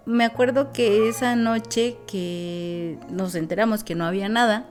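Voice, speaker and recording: A woman's voice: mid-range voice, darkish tone. A woman, a guest sharing a personal testimony in an earnest, reflective way, with many fillers.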